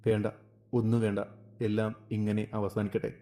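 A man gives voice to a grieving young wife full of remorse. She pleads with feeling in a dark, mellow tone. It is a simple storybook reading. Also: lowish voice, completely flat delivery, normal speed, natural voice. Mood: anguished.

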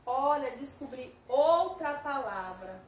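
A woman with a Brazilian Portuguese accent teaching a first-grade lesson, slowly sounding out syllables for young children. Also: sits high, animated. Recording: echoey room with faint ambient noise.

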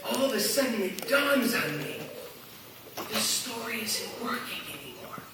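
A man doing a quiet voice of an earnest man recounting a dream, slow and halting. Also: extremely high pitch, sing-song, background noise, full character voice. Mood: hushed earnest. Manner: hushed, slow, halting storytelling. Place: large church hall. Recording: echoey hall from far off.

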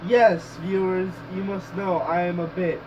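A man's voice: high-pitched, level tone, measured pace, background noise. A young man in casual, teasing reaction chat, with some swearing. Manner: foul-mouthed, teasing. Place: small dim bedroom.

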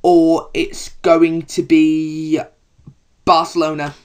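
Rambling podcast co-host. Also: male voice, on the high side, completely flat delivery, takes it slowly, darkish tone, smooth. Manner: rambling, many fillers and restarts. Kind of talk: casual football chat.

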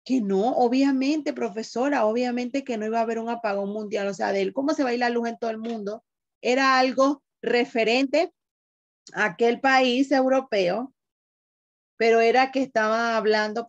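Woman teacher doing an online class, kinda high voice, dry and muffled. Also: no echo. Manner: explains patiently, asks the class questions.

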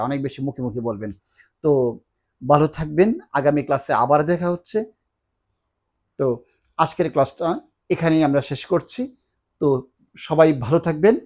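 A man whose first language is Bengali, teaching an online Spanish lesson, drilling verb forms slowly and repeating each one. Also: a little high, darkish tone.

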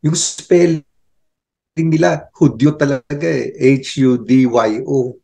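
An older man co-hosting a casual chat, thinking aloud with halting restarts. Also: medium pitch, fairly even intonation, gravelly, dark tone. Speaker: co-host.

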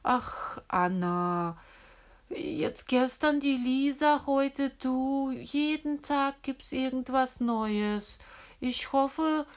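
A woman plays a caring mother in a toy-figure children's story. The mother sounds worried and sighs as she speaks. The voice is high and slow. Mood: concerned. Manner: concerned, sighing.

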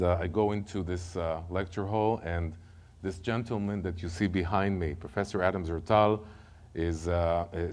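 At a podium mic in a large sanctuary, a middle-aged guest speaker with an Israeli accent gives a personal testimony sermon, telling his life story to the congregation. His fairly low voice is lively and conversational, though he often stumbles over and repeats words.

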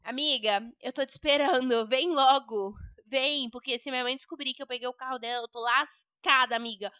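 A woman's voice: sits high, fairly even intonation, brisk, bright, forceful tone, clear, resonant tone, no echo, muffled recording, pitched below the performer's own voice. Woman playing a sulky Brazilian teen girl. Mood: scheming. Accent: Brazilian Portuguese. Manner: whiny, dramatic, pleading. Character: sulky rebellious teenage girl. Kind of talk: game role-play voice acting.

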